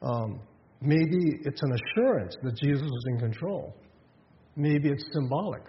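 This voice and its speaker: A man's voice: medium pitch, lively intonation, unhurried, long reverb tail, muffled recording, slight background noise. A man preaching a sermon in a conversational way, with rhetorical questions and frequent restarts. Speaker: pastor.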